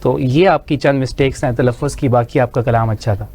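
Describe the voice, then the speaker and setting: A man's voice: mid-range voice, fairly even intonation, a little mellow. A man judging a children's recitation contest on a studio show, patiently correcting their pronunciation.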